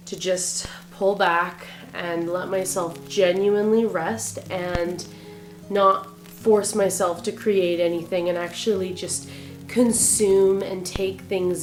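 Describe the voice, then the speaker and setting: A woman with a raspy, growly voice from being sick, chatting casually and rambling a bit in a vlog about her writing. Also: fairly low pitch, a little mellow, reverberant. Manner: chatty, rambling, self-correcting. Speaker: author and vlogger.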